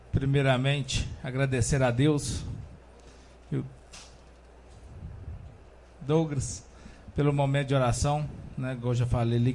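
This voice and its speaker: A man's voice: medium pitch, mellow, a little hiss or hum. A man addressing a council chamber, greeting colleagues formally and speaking plainly. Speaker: city councilman. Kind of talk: council floor speech.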